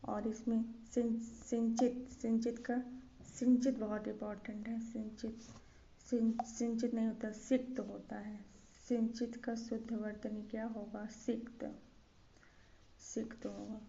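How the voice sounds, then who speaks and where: A woman's voice: fairly high pitch, little pitch movement, takes it slowly, gravelly, warm tone. A young woman teaching an exam coaching lesson, saying each word again and again and setting wrong spellings against right ones. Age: young adult. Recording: slightly dull lo-fi audio with faint background noise.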